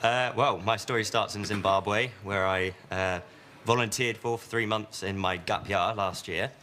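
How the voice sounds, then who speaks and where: A man's voice: on the low side, fairly even intonation, moderate pace, sharp tone, slight background noise. A young man of about twenty, a student in the audience, answering hesitantly with many uhs. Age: around 20. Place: TV studio.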